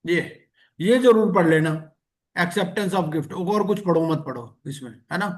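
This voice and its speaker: A man teaching an exam-prep lecture, reading legal text slowly and explaining it. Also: sits high.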